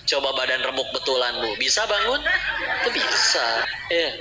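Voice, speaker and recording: A man's voice: mid-range voice, sing-song, moderate pace. A man preaching a humorous sermon, teasing his audience with questions. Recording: roomy hall with clear background noise.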